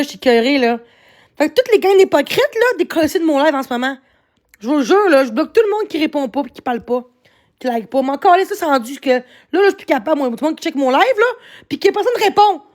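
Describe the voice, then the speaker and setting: High-voiced Québécois woman ranting. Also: lively intonation, a little fast. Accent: Québécois French. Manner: heated, swearing, shouting at chat. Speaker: livestreamer. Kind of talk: angry livestream rant.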